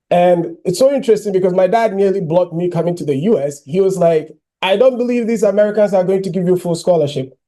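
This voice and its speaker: High-voiced man giving a keynote. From Ghana. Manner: animated storytelling, frequent "you know" fillers. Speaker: keynote speaker. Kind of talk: personal keynote speech.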